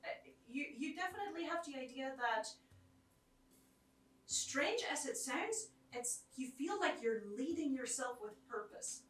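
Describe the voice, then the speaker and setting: A woman narrating as game master of a tabletop game, descriptive and quick to laugh. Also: high-pitched, expressive. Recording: echoey room, far from the mic, faint music.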